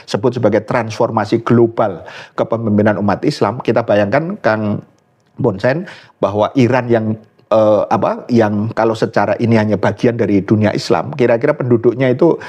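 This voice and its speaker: A man with a fairly low, darkish voice speaks at a normal pace. He's an Islamic scholar appearing as a guest in an interview, offering political commentary earnestly while often hunting for words, with fillers and restarts.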